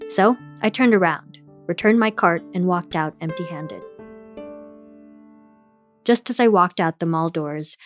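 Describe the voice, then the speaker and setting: A woman hosting a podcast, telling a personal story in candid, scripted narration. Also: on the low side. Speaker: podcast host.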